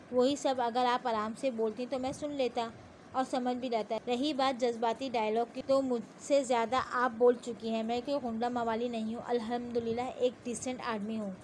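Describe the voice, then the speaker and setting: A woman voicing a calm, persuasive police officer. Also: extremely high pitch, a little hiss or hum. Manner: soft-spoken, calm and persuasive. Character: gentle, confident young male police officer.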